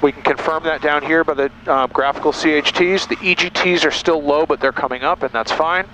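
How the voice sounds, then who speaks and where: A man's voice: on the high side, steady tone, a little fast. A man, a pilot, methodically talking through checklists and explaining each step as a flight lesson in a small airplane cockpit. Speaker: pilot instructor. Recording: cockpit audio with clear engine noise.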